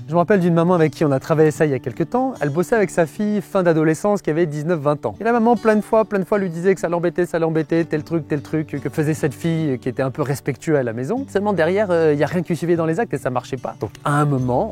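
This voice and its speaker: A man's voice: fairly high pitch, expressive, fast, hardly any pauses, darkish tone, soft background music. A man giving a self-help lesson outdoors, chatty and often laughing as he plays with his dog. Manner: chatty and laughing, explains steadily. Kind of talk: coaching lesson mixed with playing with his dog.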